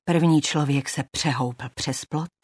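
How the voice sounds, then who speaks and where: Low, husky woman narrator, calm and wry, dry close sound. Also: no room sound. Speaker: audiobook reader. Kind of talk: audiobook narration.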